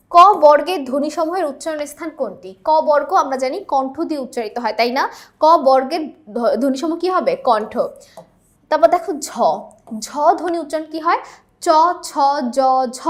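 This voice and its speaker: A woman teacher going through multiple-choice exam questions, explaining each answer patiently and often checking in with her students. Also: high-pitched.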